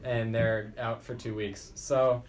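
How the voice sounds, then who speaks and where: A man's voice: medium pitch, flat delivery, slow, noisy background. A teenage boy co-hosting a casual school podcast, reading sports scores and joking around with his co-host.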